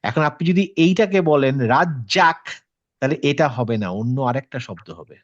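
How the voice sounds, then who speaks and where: A man's voice: mid-range voice, animated, moderate pace, no room sound. A male tajweed teacher explaining patiently to a class, checking with students through questions and mixing in English words. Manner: mixes English words into his talk. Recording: slightly dull, dry lo-fi audio.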